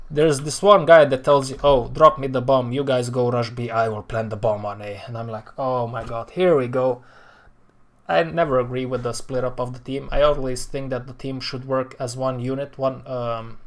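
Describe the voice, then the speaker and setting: A man's voice: medium pitch, gravelly. A man live-streaming esports match analysis, talking in an exasperated, rambling way with frequent sighs.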